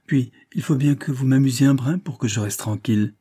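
A man's voice: medium pitch, fairly quick, warm tone, breathy edge, voice pushed up, close to an everyday voice. A man reading aloud voices a talkative, impertinent rich young woman about to be married, in a lifted, teasing tone.

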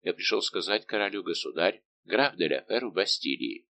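Male reader as a middle-aged musketeer captain: calm, respectful, unbending, low-pitched. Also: normal speed, gravelly, exaggerated voice. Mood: calm defiant. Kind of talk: audiobook reading.

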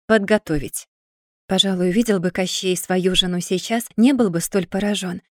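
A woman's voice: on the low side, fairly even intonation, moderate pace, a little mellow, no echo, studio quality. Woman narrating a fairy-tale audiobook.

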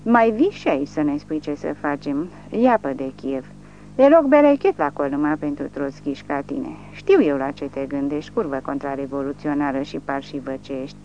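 A woman's voice: low-pitched, animated, warm tone, lo-fi sound, slight background noise. A woman voicing a drunk, brutal male commissar who rants and hurls abuse. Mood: sneering. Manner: slurring, abusive ranting.

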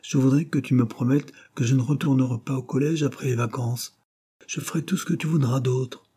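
A sulky, restless young man, put on by a male audiobook reader, pleading in a raised, husky voice. The tone stays dark and a little breathy, with a petulant edge. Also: mid-range voice, steady tone, a little fast, pitched above the performer's own voice, close to an everyday voice. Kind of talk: audiobook character reading.

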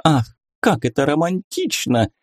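Man doing a young nurse, sugary, cooing, motherly, raised pitch, dry sound. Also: sing-song, measured pace, darkish tone, no room sound. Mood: soothing. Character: young nurse, sugary, worldly-wise confidante. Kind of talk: audiobook character reading.

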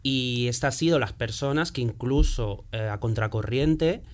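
A man's voice: mid-range voice, moderate pace. Chatty man being interviewed. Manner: chatty, self-deprecating, lots of "o sea" fillers. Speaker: writer and interview guest. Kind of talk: casual interview chat.

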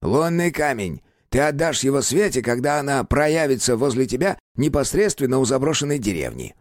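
Man playing a cranky shaggy house spirit, creaky, higher than his own voice, grumbles a lot, dry storybook read. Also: big pitch swings, brisk, no room sound, close to an everyday voice. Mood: explaining. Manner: grumbling, irritable.

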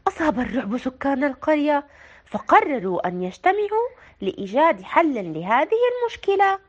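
A woman reading a children's picture book aloud in an expressive, sing-song way. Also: sits high, fairly quick, highs cut off. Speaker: storyteller.

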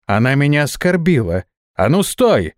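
A man's voice: medium pitch, lively intonation, a little slow, warm tone, no room sound, clean studio sound, natural voice. A man voicing an arrogant, vengeful female vampire who speaks haughtily, in a storybook reading. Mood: indignant. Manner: haughty, indignant.

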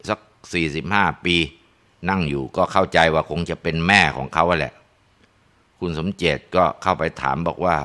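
A man narrating a ghost story in a relaxed way, with frequent tag particles and filler sounds. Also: deep voice, moderate pace.

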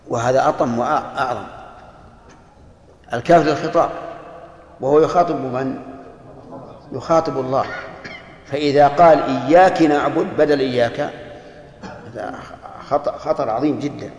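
A man with a Najdi Saudi accent teaching a religious text to a class, explaining deliberately and putting questions to his students. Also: medium pitch, a little mellow. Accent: Najdi Saudi Arabic. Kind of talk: classroom lecture explaining a book. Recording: echoey hall with long reverb.

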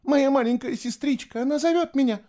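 A frightened, stubborn young woman prisoner, put on by a male audiobook reader. She speaks in a shrill, pleading voice pitched well above his own, swinging widely as she cries out. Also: expressive, moderate pace, warm tone, natural voice. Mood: wailing. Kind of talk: audiobook character voice.

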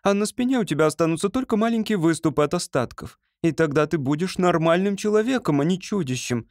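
A man's voice: fairly high pitch, lively intonation, fast, a little mellow, dry recording, studio quality, voice pushed up, lightly acted. A man voicing a young woman who pleads emotionally with her beloved in an audiobook reading. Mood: pleading.

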